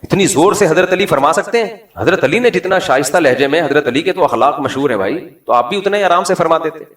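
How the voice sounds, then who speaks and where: A man's voice: a little high, expressive, fairly bright tone, recorded from a distance. Male preacher in an echoey hall. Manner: conversational, full of rhetorical questions; light, joking tone. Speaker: Islamic preacher. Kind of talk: lecture to a live audience. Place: lecture hall with an audience.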